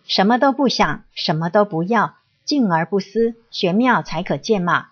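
A woman reading a reflective essay aloud in a measured, even manner. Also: medium pitch, husky. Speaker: reader of a spiritual reflection. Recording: dull lo-fi recording.

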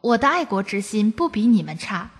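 A woman's voice: medium pitch, very animated, brisk, breathy edge, in a large hall. A woman from China reading a first-person testimony aloud, in an earnest, preachy storytelling cadence.

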